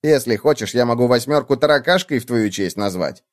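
A man voicing a mischievous, boastful little bedbug prince in a high, teasing voice for a children's storybook. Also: expressive, a little fast, natural voice.

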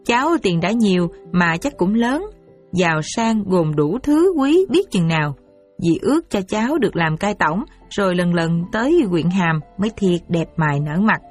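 A woman voicing an aunt who flatters her nephew. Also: fairly low pitch, normal speed, soft background music, natural voice. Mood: flattering. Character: admiring aunt wishing a nephew well.

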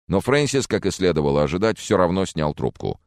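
A man reading a first-person thriller audiobook in a calm, even way, close to the mic. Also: sits low, fairly quick, no echo. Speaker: audiobook narrator.

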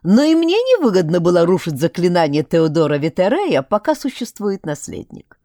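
A woman's voice: lowish voice, big pitch swings, moderate pace, dark tone, no room sound, clean studio sound. A woman narrating a first-person fantasy audiobook expressively, switching voices for each character.

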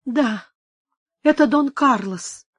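A young countess torn by love, imploring in a trembling voice, as a woman reader gives her lines. The delivery is slow and fairly high, with a dry close sound. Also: husky, no room sound, full character voice. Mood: frightened. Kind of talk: dramatic audiobook reading.

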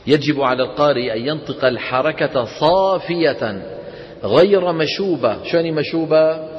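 A man teaching a tajweed lesson to a class, explaining and then demonstrating slow, drawn-out recitation. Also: on the high side, expressive. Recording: dull echoey lecture hall recording.

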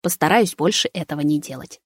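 A woman reading a tired young man, calmly resigned. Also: low voice, a little fast, husky, no echo, studio quality.

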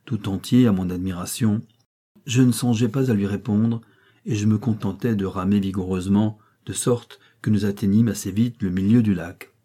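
A man calmly narrating a classic novella in a measured, literary reading voice with a husky quality. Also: on the low side. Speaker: audiobook narrator.

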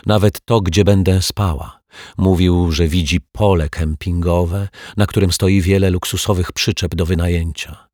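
A man's voice: low-pitched, steady tone, darkish tone, no echo, studio quality. A man voicing a prim, touchy middle-aged female teacher who talks defensively and earnestly in an audiobook. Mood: dreamy. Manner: defensive, earnest, dramatic pauses. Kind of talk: audiobook character voice.

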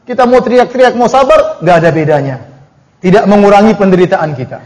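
A man giving a Quran exegesis lecture in an animated preaching manner, slowing down to chant Arabic verses and adding mocking asides. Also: sits high. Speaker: Islamic preacher.

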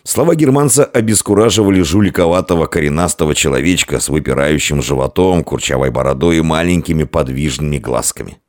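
A man narrating a story in an expressive audiobook reading on a close mic. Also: rumbling low, fairly quick, hardly any pauses, no echo.

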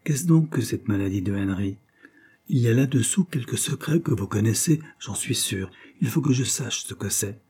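A man's voice: mid-range voice, expressive, moderate pace, husky. A man reading an audiobook, voicing a worried father who speaks in a firm, decided tone. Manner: firm, hushed.

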